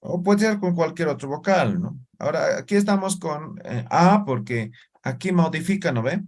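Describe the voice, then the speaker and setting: A man teaching a language class, talking slowly, checking in with his students and sounding out syllables one by one. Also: on the high side, expressive. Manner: slow, checks in with "¿no ve?" and "¿ya?". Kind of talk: classroom lesson.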